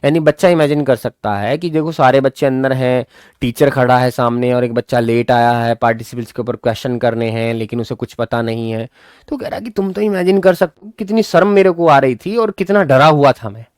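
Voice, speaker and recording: A man's voice: medium pitch, brisk, clear, resonant tone, no echo, clean studio sound. A man teaching a lesson casually, reading English lines aloud and explaining them in a chatty way. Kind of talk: casual classroom-style lesson.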